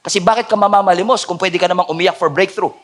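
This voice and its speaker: Man, Filipino accent, preacher, church sermon, dramatic, quiet-to-loud swings, highish voice. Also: fairly even intonation, quick pace, slight background noise. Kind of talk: sermon mixing Tagalog and English. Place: church night service.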